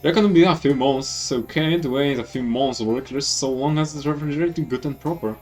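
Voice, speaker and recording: A man's voice: medium pitch, fairly quick, a little mellow, far from the mic, faint music behind, lightly acted. A man voicing a cheeky young country boy who talks in a folksy, boastful drawl. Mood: stubborn.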